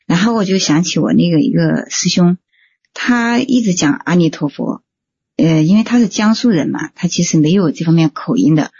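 A woman's voice: lowish voice, expressive, fairly quick, darkish tone, breathy edge. A woman student politely asking her teacher questions on an online call, hesitant with many fillers. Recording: dull lo-fi call audio.

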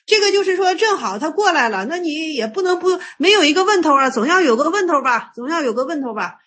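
High-pitched lady teaching chan buddhist texts, chatty, repeats herself, lots of ums. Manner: repeats phrases, many filler sounds; acts out quoted dialogue in lively tones. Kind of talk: casual spoken lecture on Chan texts.

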